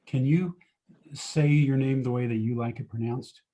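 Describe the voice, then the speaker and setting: Guy tutoring physics on a video call, warm mellow tone, walks through it step by step. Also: medium pitch, steady tone, normal speed, highs cut off. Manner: patient, explains step by step, asks students questions. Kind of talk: online tutoring lesson.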